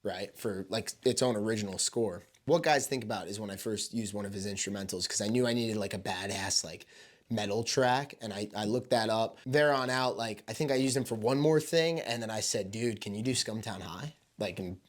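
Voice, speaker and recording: A man's voice: on the low side, a little fast. A man, a video creator, answering questions in an informal, rambling and enthusiastic way with plenty of swearing. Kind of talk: casual Q&A chat.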